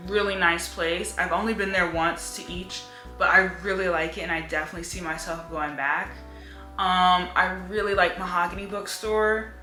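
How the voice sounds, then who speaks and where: A woman's voice: lowish voice, fairly even intonation, moderate pace, bright, forceful tone. A young woman chatting casually about books in a home room, filling her talk with "like.". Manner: chatty, lots of "like" fillers. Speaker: book vlogger. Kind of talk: casual chat. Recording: echoey room with faint music.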